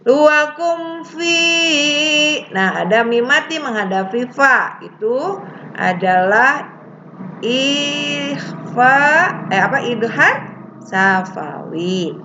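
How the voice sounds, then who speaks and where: A woman teaching Quran recitation rules, explaining plainly and chanting the verses slowly. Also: medium pitch, expressive, sharp tone. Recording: dull lo-fi recording with faint hiss.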